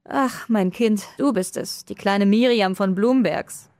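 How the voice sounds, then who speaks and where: A woman voicing a frail, feverish old woman who is dying and speaks slowly, weakly and tenderly. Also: mid-range voice, a little mellow, no echo. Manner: slow, weak and tender. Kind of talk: audiobook dialogue.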